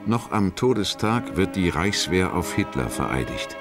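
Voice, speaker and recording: A man narrating a historical documentary from a script, in short, measured statements. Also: deep voice, sing-song, over music. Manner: short, measured declarative phrases.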